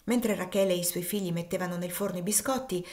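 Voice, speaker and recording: A woman narrating an audiobook in a steady, clear storytelling manner. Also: fairly low pitch, fast talker. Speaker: reader.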